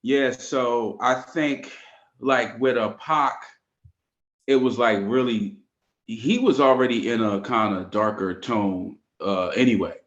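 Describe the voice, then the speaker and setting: A man musing at a relaxed, meandering pace in casual podcast chat, with a mid-range voice. His audio sounds muffled and lo-fi, as if from a lesser mic. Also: medium pitch, takes it slowly. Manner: reflective and meandering, many fillers. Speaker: podcast co-host. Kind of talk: casual podcast chat about hip hop. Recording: dull lo-fi mic.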